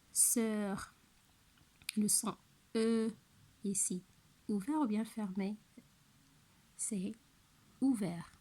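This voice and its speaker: Woman, schoolteacher, slow careful delivery, repeats words, soft half-whispers, breathy. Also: medium pitch. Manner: slow, careful, repeats each word twice. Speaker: teacher. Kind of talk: recorded lesson for young pupils.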